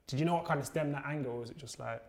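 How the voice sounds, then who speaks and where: A man's voice: mid-range voice, racing, gravelly, darkish tone. A man hosts a casual interview, asking questions in an encouraging, conversational way. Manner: encouraging, frequent affirmations.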